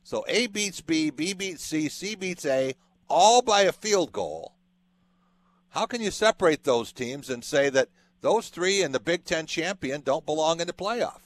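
A man's voice: on the high side, expressive, measured pace. A man hosting a sports radio interview, laying out long hypothetical scenarios for his guest.

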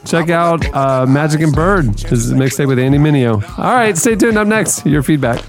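A man co-hosting a podcast in casual banter, laughing easily and tossing in quick interjections. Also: fairly high pitch, animated. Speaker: podcast co-host.

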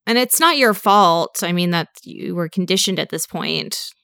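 A woman podcast host asking a guest questions in a calm, measured way. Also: fairly low pitch, vocal fry, clean tone, dry recording, clean studio sound. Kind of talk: interview questions.

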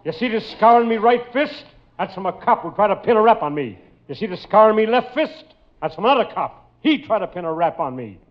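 On a dull old radio recording, a high-pitched American mob boss. He is a comic gangster full of tough-guy slang, blustering but quick to whine. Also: expressive. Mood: menacing bluster. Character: blustering racetrack mob boss, turns whiny and pleading. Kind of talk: old-time radio gangster comedy acting.

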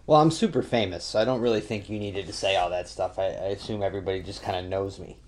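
A man speaking as a podcast guest and sports writer, chatting casually and haltingly as he thinks aloud. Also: sits low, a little hiss or hum.

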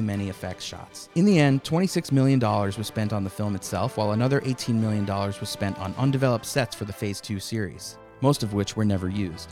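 Man, podcast host, mid pitch, dry wry delivery, faint music behind. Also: a little mellow. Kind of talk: scripted intro narration, then casual chat.

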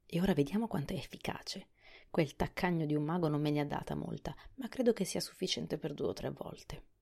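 A woman voicing a scheming old witch in a storybook reading, shrill and excited in her outbursts. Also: fairly quick, gravelly. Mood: eager.

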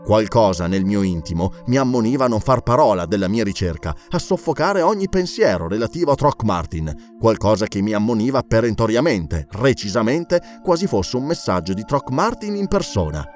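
A man narrating an audiobook chapter in an expressive, scripted reading. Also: fairly low pitch, normal speed, hardly any pauses, faint music behind.

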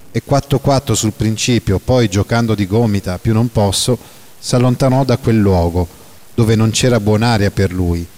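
A man narrating a classic novel in a measured, dramatic reading that slows down for emphasis. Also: on the low side, darkish tone.

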